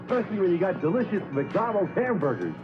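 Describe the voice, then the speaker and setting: An actor playing a creepy early male clown mascot in an old TV commercial, speaking in an eerie, drawn-out way. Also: high voice, sing-song, dull audio, music in the background. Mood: creepy cheerful. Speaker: commercial character.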